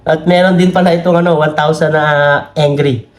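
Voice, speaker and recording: Recorded on a camera mic, a fairly high-pitched man with a Filipino accent keeps a steady tone at normal speed. He chats about politics in a relaxed way, laughing frequently, leaning on tag questions, and reading on-screen comments aloud.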